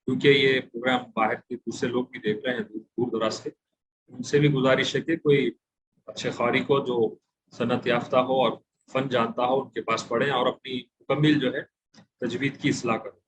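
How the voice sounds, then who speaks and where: A man from India teaching Quran recitation in a religious lecture. He says single letters slowly and carefully and pauses to think. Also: medium pitch, steady tone, noisy background.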